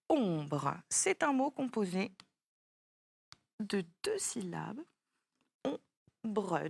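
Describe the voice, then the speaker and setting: Slow, lively-voiced woman teaching spelling. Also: a little high, no room sound. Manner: patient, slow, spells words out letter by letter. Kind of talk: spelling lesson for a child.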